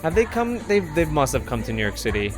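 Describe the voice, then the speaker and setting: A man's voice: a little high, sing-song, fast talker. A man hosting a reaction video, talking casually and rambling with lots of filler words. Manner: chatty, rambling, heavy on "like" and "um" fillers. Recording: music playing clearly behind.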